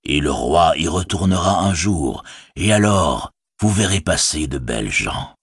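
A man voicing a wise old wizard in a measured, grave, reassuring way, with a husky voice. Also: low-pitched, animated, no echo, clean studio sound, full character voice. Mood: calm.

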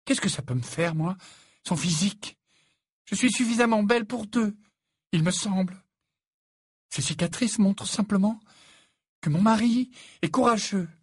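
A man voicing a proud, fierce young woman who speaks in a sharp, imperious way. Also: on the low side, brisk, hardly any pauses, breathy edge, no room sound, studio quality.

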